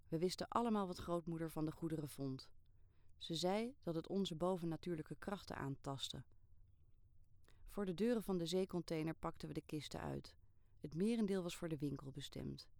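A woman reading a first-person story aloud in a calm, steady way, with lively bursts in the dialogue. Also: low-pitched, no echo, clean studio sound. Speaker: narrator.

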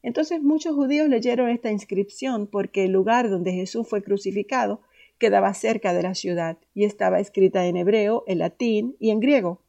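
A woman reading scripture aloud in a steady, solemn way. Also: mid-range voice, moderate pace, creaky, highs cut off. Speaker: scripture reader.

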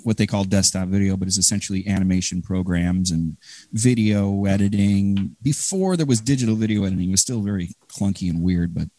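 A man from the Chicago area with a Chicago accent, chatting as a guest in a rambling, halting way full of fillers. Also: deep voice, mellow, no room sound. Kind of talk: casual interview chat.

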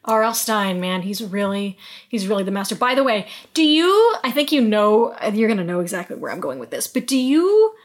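A woman's voice: mid-range voice, sing-song, normal speed. A young adult woman co-hosting a podcast, chatting playfully and laughing often while recapping a TV episode. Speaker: podcast co-host. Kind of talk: casual chat recapping a TV episode.

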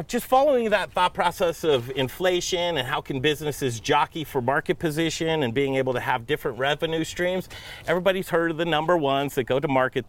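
A man hosting a travel show in an upbeat, enthusiastic manner, presenting and interviewing on location. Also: mid-range voice. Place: on location at a distillery tasting room. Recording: clear background noise on location.

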